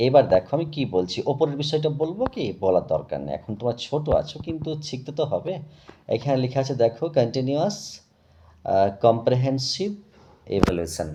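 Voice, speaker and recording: A man's voice: mid-range voice, a little mellow, a little hiss or hum. A man tutoring young pupils in English words, explaining patiently and checking they follow. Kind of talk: recorded English vocabulary lesson for young pupils.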